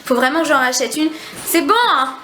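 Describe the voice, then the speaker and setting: A young woman with a regional French accent, vlogging casually into a handheld camera, chatty and quick to laugh. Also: sits high, fairly even intonation, pushed and bright, slight background noise. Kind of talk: casual vlog chat.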